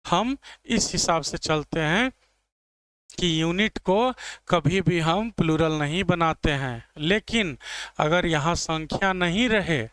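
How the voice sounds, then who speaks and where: A man's voice: a little high, slow pace, fairly bright tone, no room sound. A man explaining English grammar in a classroom lecture, checking understanding step by step. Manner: explains step by step, asks students "clear?". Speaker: English teacher.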